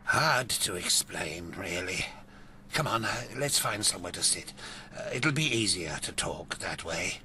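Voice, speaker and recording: An actor playing a hesitant, uneasy old village man in a fantasy video game, speaking haltingly. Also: low voice, animated, bright, forceful tone, exaggerated voice. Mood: grave, uneasy. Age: older.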